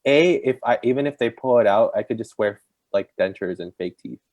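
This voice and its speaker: A man's voice: fairly low pitch, a little fast, a little mellow. A man hosting a casual podcast chat, laughing often and restarting his sentences. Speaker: podcast host.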